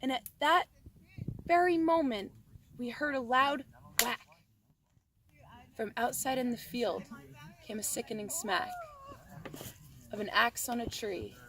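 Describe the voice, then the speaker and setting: A high-pitched woman recites a rhyming children's tale from memory. Her delivery is theatrical and expressive, in the manner of verse learned by rote and performed aloud. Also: unhurried, long pauses, noisy background. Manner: theatrical, expressive storytelling with stumbles.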